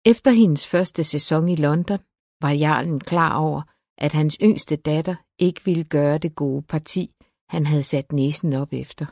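A woman reads an audiobook novel in a low, mellow voice, calm and measured. The recording is close and dry, with no room around her. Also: dry recording. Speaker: audiobook narrator. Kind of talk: scripted narration.

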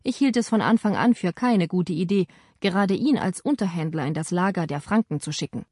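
A woman's voice: lowish voice, animated, fairly quick, darkish tone, no echo, studio quality. A woman voicing uneasy Roman gate guards questioning a wounded rider, in an audiobook. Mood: gloomy.

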